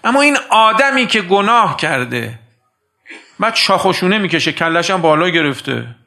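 A man preaching a sermon, telling a story and addressing his listeners as dear friends, swinging between hushed and emphatic delivery. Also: sits high, very animated, gravelly.

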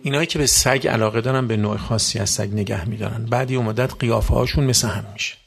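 A man preaching a sermon to a religious gathering, asking rhetorical questions and rising sharply in pitch and volume. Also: fairly even intonation, gravelly, husky. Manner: rhetorical questions, sudden loud rises in pitch.

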